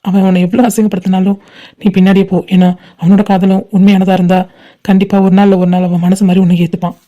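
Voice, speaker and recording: A woman voicing a kind young man in a fan-made cartoon, gently reassuring a crying friend. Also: mid-range voice, level tone, fast talker, muffled recording, lightly acted. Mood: gentle.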